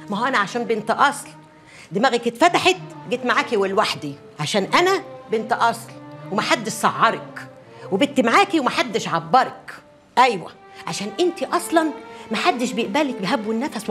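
Brief: sharp-tongued neighbor woman, quick and high, scolding with folk sayings. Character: gossipy working-class neighbor woman, blunt. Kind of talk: TV drama acting.

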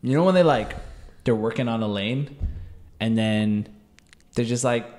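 A man's voice: medium pitch, unhurried, darkish tone. A man in his thirties with a Toronto accent, bantering as a podcast co-host in a slangy, teasing way. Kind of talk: casual banter. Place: small indoor podcast studio. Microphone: close podcast microphone on stand.

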